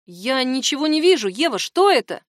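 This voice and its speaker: Tense young woman read by a woman narrator, insistent, high voice, storybook. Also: very animated, fairly quick, no room sound, studio quality. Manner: strained, insistent. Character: tense secretive young woman hiding an escape plan.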